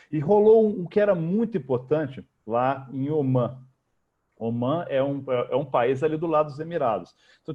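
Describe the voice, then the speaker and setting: A man with a Brazilian Portuguese accent, a guest telling lively, slangy anecdotes in a casual interview. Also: medium pitch, lo-fi sound. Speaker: guest, futurist.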